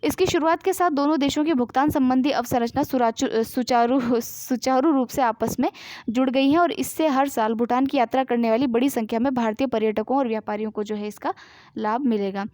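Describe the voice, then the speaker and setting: A woman with a high voice teaches current affairs to exam students. She reads each news item aloud, then breaks it down in simple asides full of fillers. The sound is close and dry, with no room echo. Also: brisk, a little mellow. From India. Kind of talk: explanatory current-affairs lesson.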